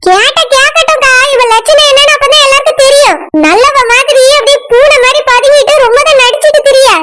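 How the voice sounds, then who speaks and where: A sharp-tongued cartoon village woman with a Kanyakumari Tamil accent, scolding and accusing without letup, as a woman acts her out. The voice sits extremely high. A heavy layer of noise runs under the recording. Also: fast. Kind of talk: cartoon voice acting.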